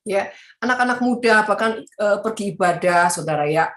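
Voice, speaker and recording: A woman evangelist preaching a sermon in a lively, animated way, often mocking the people she quotes with playful asides. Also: medium pitch, normal speed. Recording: echoey room.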